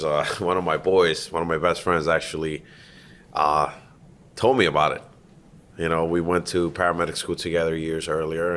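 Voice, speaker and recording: A man from the Dominican Republic, a firefighter guest, telling his story in a relaxed, conversational way. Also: low voice. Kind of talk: casual interview storytelling.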